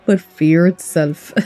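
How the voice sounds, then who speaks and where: A woman's voice: on the low side, slow pace, dark tone, faint music behind. A woman giving casual, chatty let's play commentary, reacting aloud as she plays.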